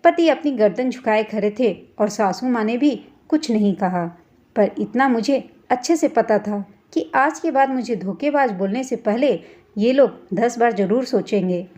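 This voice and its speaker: A woman's voice: a little high, animated, normal speed, mellow. A woman narrating a family story in the first person, with earnest, emotional delivery.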